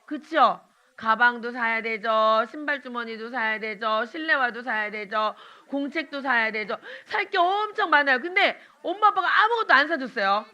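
Woman evangelist, children's sermon, high and very bright, sing-song questions to kids. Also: dull audio. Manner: slow line-by-line prayer for children to repeat. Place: church.

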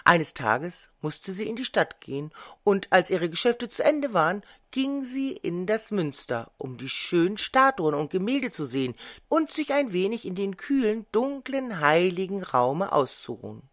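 An older woman narrating a fairy tale audiobook in a measured, expressive way. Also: fairly low pitch, dry recording, clean studio sound. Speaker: storyteller.

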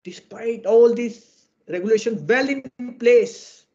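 A high-voiced man with an Indian English accent speaks earnestly and formally, leaning on idioms. He is heard through a screen recording of a video call, and the sound is dull and lo-fi. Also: takes it slowly, a little mellow. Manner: earnest and exhorting, fond of idioms. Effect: screen-recorded video call audio. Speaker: webinar presenter on electrical safety.

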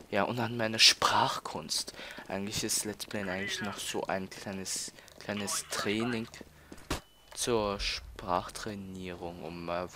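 A teenage boy from Austria talks in a fairly low voice while playing a game, with noise in the background. His let's-play commentary is casual, full of fillers, repeated words and hesitations.

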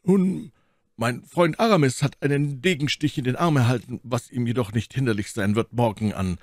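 A man's voice: medium pitch, normal speed, dry recording, clean studio sound, voice pushed up, lightly acted. A man doing a bold, firm musketeer. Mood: firm, formal. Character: proud, firm-voiced male musketeer.

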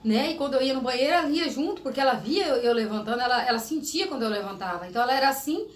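A woman's voice: high-pitched, expressive, very fast. A middle-aged Brazilian mother chatting casually on a family vlog, telling stories with lots of laughter and acting out voices. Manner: storytelling, laughs often, acts out quoted voices loudly. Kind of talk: casual chat. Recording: echoey home room with faint noise.

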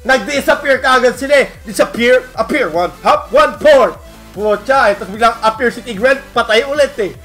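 Filipino male caster, high and sharp, shouts on big plays, Taglish banter. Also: moderate pace, faint music behind. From Philippines. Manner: bursts into shouting at big plays, mixes Tagalog and English. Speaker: esports caster. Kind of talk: excited play-by-play commentary.

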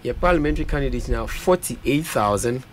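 At a studio mic on a boom, a young Ghanaian man interviewed on radio as a parliamentary aspirant speaks in a medium-pitched, animated voice at a fairly quick pace. He mixes Twi and English while reeling off vote figures, and slight background noise can be heard.

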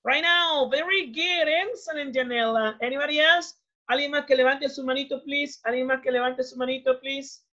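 With a high, bright, forceful voice at normal speed, a Peruvian-accented woman leads an English class online. She alternates Spanish and English and says words of praise over and over, captured in muffled video call audio.

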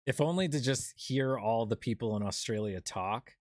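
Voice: medium pitch, normal speed, a little mellow, dry recording. A young adult streamer chatting casually while playing a horror game, rambling with lots of fillers and restarts. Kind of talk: casual chat while gaming.

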